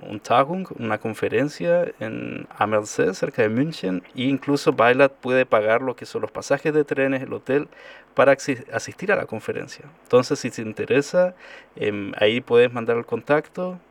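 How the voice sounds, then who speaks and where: Gravelly male radio host. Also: medium pitch, moderate pace. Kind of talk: radio interview. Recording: voice a bit far from the mic.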